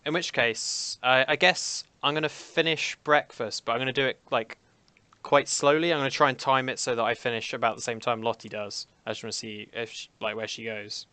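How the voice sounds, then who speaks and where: A man's voice: mid-range voice, fairly even intonation, a little fast, bright, forceful tone, clean tone, no echo. A man as a player in a tabletop game, chatting casually and hesitantly. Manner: hesitant, talkative.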